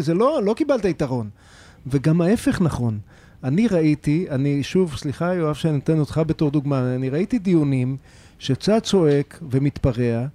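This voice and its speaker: Guy co-hosting talk radio, kinda higher voice but mellow, keeps asking "right?" as he explains. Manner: explanatory, full of rhetorical questions. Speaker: radio show co-host and lawyer.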